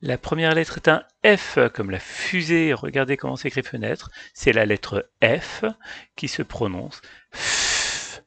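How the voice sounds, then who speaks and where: Male teacher, patient phonics lesson, deliberate letter sounds, husky voice, dry close sound. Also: mid-range voice, no echo. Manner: slow, carefully sounds out each letter; addresses parents directly, calm and patient. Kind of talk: phonics lesson for young children.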